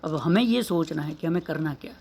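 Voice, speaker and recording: A man's voice: a little high, brisk, creaky, darkish tone, a little hiss or hum. A man, an English teacher, giving an earnest motivational lesson, asking rhetorical questions and repeating key phrases.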